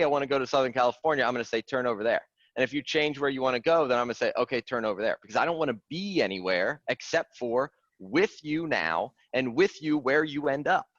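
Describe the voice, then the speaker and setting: An earnest, animated man leads a coaching call and drives his points home through repetition. His voice sits at a middle pitch. The call audio is dull and lo-fi, with a dry, close sound. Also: no echo. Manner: earnest, animated, repeats key phrases. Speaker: fitness coach. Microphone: video call.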